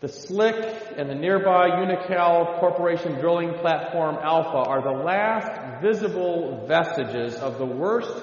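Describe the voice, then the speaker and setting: Slow, deliberate man in an echoey hall. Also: on the high side. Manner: measured, deliberate, with rhetorical questions to the audience. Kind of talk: address to a live audience. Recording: echoey hall, dull lo-fi sound.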